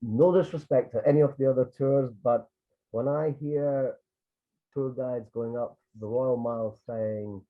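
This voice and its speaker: On a video call with tinny, phone-like audio, an Edinburgh man who guides tours and takes photographs tells casual stories in a rambling way, full of restarts and asides. He's from Scotland, with a medium-pitched, fairly even voice at a measured pace.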